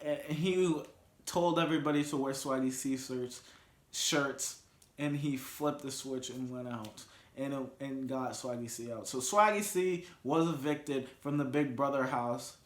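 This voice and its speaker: Slow, rambling man vlogging in an echoey room. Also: medium pitch. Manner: rambling, with frequent restarts. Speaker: vlog host. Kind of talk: casual sports and reality-show commentary. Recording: roomy echo.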